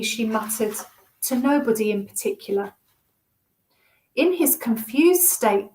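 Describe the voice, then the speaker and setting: A woman reading a children's novel aloud expressively and chatting with young listeners. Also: fairly high pitch. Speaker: storyteller. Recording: roomy echo.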